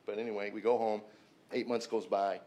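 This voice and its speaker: Guy in his 50s telling his testimony to a room of men, talks quick, gets loud and high at the big moments. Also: little pitch movement. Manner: emphatic storyteller, swings loud and high at peaks; repeats words when stuck. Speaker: speaker giving a testimony. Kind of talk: personal testimony to a men's gathering.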